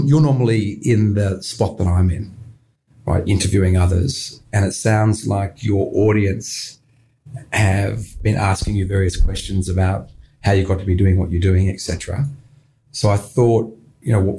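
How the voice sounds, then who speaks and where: Aussie guy interviewing, lowish voice, tentative, repeats stuff, slight background noise. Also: mellow, poor audio. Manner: tentative, repeats his phrases. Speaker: guest interviewer. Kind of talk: casual interview chat.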